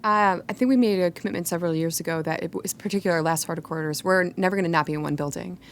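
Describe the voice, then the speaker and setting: A woman's voice: lowish voice, fairly even intonation, fast, slight background noise. A woman guest on a company podcast, talking upbeat and casual and laughing often. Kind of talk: casual interview talk.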